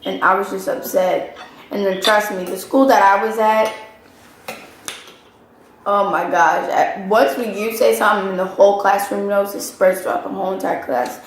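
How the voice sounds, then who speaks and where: A woman's voice: mid-range voice, steady tone, normal speed. A young woman telling a school story in a casual family chat, gossipy and dramatic. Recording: very echoey room with faint noise.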